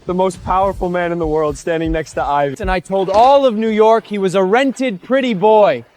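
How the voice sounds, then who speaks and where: An actor playing a desperate, spoiled young heir, bitter and agitated, in a screen drama. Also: male voice, high voice, moderate pace, a little mellow, close to an everyday voice.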